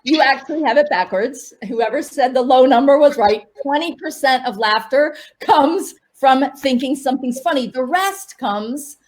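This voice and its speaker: A woman laughter coach leading an online workshop, upbeat and coaxing, with sudden high cheers. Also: moderate pace, hardly any pauses.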